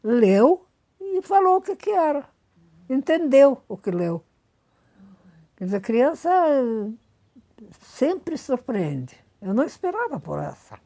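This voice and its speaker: An older woman being interviewed, telling lively anecdotes and repeating words for emphasis. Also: sits high, a little slow. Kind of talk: storytelling interview.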